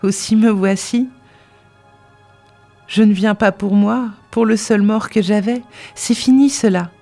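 A reader plays a tender, grieving woman in deep mourning who pleads in a hushed voice and swells with fervor as she speaks. The tone is mellow and soft-edged, with faint music underneath, as in a storybook audiobook. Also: measured pace, close to an everyday voice. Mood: fervent. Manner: pleading softly, rising with fervor. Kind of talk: audiobook dialogue reading.

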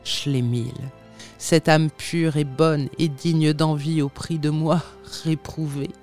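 A haunted little man, young one moment and old the next, pleads in mournful, sighing tones, as the reader of an audiobook puts him on. His voice sits at an ordinary middle pitch. Soft music plays faintly behind him. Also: steady tone, slow, natural voice. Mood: despairing. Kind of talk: audiobook reading of a classic tale.

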